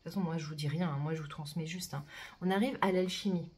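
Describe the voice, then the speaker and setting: Mellow-voiced woman reading oracle cards. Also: low-pitched, fairly even intonation. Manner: chatty, repeats "hein" and "d'accord" often; reads mantras slowly and softly. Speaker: oracle card reader. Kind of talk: spiritual card reading talk to viewers.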